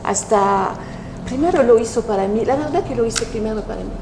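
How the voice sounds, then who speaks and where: A woman from France speaking Spanish with a French accent, calmly explaining her work as an interview guest, with pauses and restarts. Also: a little high, roomy sound, background noise. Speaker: guest, NLP practitioner. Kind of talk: interview conversation.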